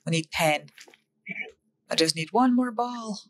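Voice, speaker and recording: A woman's voice: medium pitch, lively intonation, unhurried. A woman chatting casually while playing a game, playful and teasing, throwing in little sound effects. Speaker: gamer. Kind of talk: casual gaming chat.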